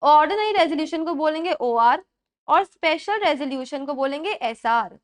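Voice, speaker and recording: High-voiced woman teaching a class. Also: expressive. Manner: slow dictation, repeats and checks understanding; mixes English terms into Hindi. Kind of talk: classroom lecture.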